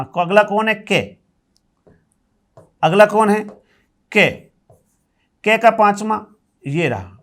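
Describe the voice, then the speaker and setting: A man's voice: high-pitched, fairly bright tone. A male Hindi grammar teacher giving a classroom lecture, explaining step by step, asking questions and answering them himself, and repeating key terms.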